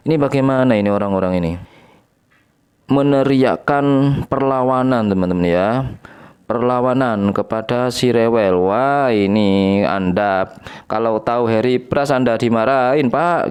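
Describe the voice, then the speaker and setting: A male reaction host with a clean, resonant voice at an ordinary pitch. He chats casually and mockingly to his audience, chuckling between remarks. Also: a little mellow, clear, resonant tone. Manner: chuckling, sarcastic, keeps addressing viewers as friends.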